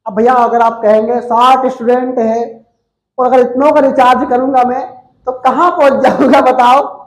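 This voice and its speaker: High-voiced teasing male chemistry teacher. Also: little pitch movement, normal speed. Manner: playful, teasing, scolds with jokes and sayings. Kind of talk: live online class lecture. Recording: echoey room.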